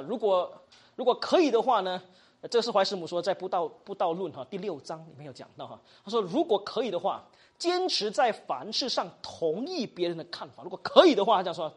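This Bible study teacher has a husky, mid-range voice and acts out example dialogues, regularly putting questions to the class, mixing in English words, and tagging sentences with little particles.

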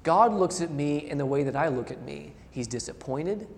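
Lively high-voiced male preacher in a hall. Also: normal speed, gravelly, a little hiss or hum. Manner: reads quotations aloud, emphatic shifts between loud and soft. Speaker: pastor. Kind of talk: sermon.

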